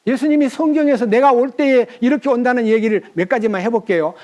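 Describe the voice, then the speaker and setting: Pastor guy preaching into a mic in church, fairly high voice, acts out prayers loud, keeps asking the crowd questions. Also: quick pace. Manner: emphatic, asks the congregation questions. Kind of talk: sermon. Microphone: microphone.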